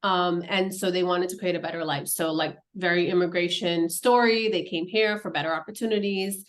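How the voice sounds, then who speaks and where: A woman's voice: lowish voice, fairly even intonation, fairly quick. A woman from Nepal, a podcast guest, talking in an earnest, reflective way with many casual fillers. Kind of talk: casual conversational interview.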